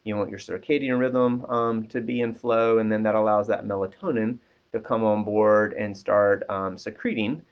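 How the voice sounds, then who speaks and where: Casting Man, lower voice, counselor giving easygoing advice, lots of fillers, dull lo-fi recording. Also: moderate pace. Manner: relaxed, many ums and restarts. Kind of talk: casual advice talk. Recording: dull lo-fi sound.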